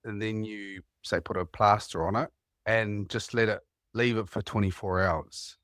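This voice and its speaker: Rambling New Zealand-accented man, low voice. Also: steady tone, normal speed, fairly bright tone, clear, resonant tone, dry recording, studio quality. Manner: rambling, anecdotal storytelling with laughs. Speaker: caller. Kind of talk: casual phone chat.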